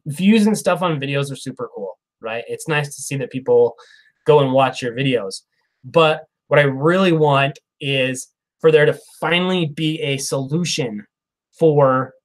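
A man in his thirties with a mid-range voice hosts a casual live Q&A stream, reading viewer comments in a chatty, upbeat way and laughing often. He's wearing a clip-on lapel mic in a small room with a plain wall behind him.

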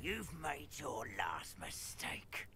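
A man's voice: medium pitch, wildly swooping pitch, slow, full character voice. An actor voicing a small, taunting male goblin fighter in a video game, with menacing, hissing taunts over game music.

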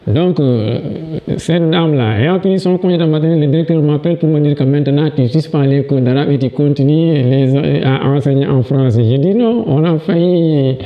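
Lo-fi sound captures a middle-aged man whose voice is on the high side and whose accent is Senegalese French. He's an education official being interviewed as a guest in an indoor office with a large window, on a lapel mic. His answers come with halting restarts and repeated words, and his personal stories build in energy.

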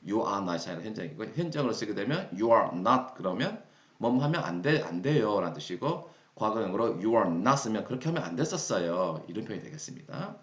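A Korean man teaching English phrases, reading each example sentence slowly and deliberately. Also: on the low side, very animated. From South Korea. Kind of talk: explaining English phrases in a lesson. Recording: roomy, dull lo-fi sound.

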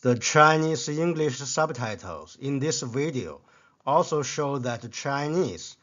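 A man narrating a scripted language lesson in a measured way, reading out paired word lists. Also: mid-range voice, expressive, a bit bright, muffled recording. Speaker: Chinese language teacher.

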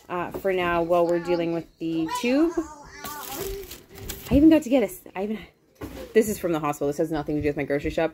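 A Canadian vlogger in her thirties, medium-pitched with a little hiss or hum, chats casually through a grocery haul video in her home kitchen. She rambles with many ums and makes asides to her kids, recorded on a phone camera held close.

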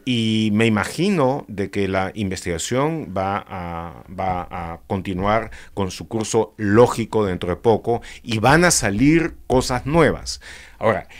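A man, a guest on a political talk show, speaking in a measured way with frequent filler pauses. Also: fairly low pitch.

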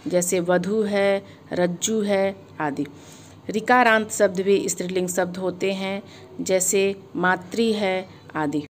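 A woman teacher giving a grammar lesson, speaking slowly and deliberately and spelling words out sound by sound. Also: medium pitch, slight background noise.

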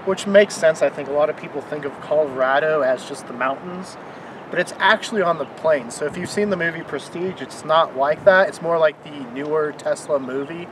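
Man, enthusiastic vlog co-host, slightly high voice, mic at a distance outdoors, over background music. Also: fairly quick, background noise. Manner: enthusiastic, chatty. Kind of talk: casual on-location presenting. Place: outdoors on a residential street.

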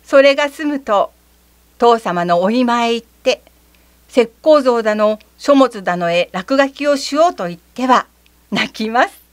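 A woman narrating a children's story gently and expressively, with a slightly theatrical touch. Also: fairly high pitch, expressive, measured pace, no room sound. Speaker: reader.

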